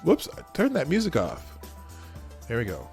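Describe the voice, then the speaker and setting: A man's voice: a little high, huge pitch swings, normal speed, darkish tone, soft background music. A middle-aged man with a standard American accent hosts a casual live show, chatting in a rambling, conversational way as he thinks aloud. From United States. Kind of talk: casual live-stream chat.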